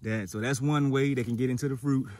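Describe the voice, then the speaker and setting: A man records a casual walkthrough of his vegetable garden and talks in a relaxed, thinking-aloud way. He sounds a little out of breath, and his voice sits at a middle pitch. Faint outdoor ambience and animal sounds run quietly behind him. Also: fast talker, slight background noise. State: slightly out of breath. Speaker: gardening vlogger.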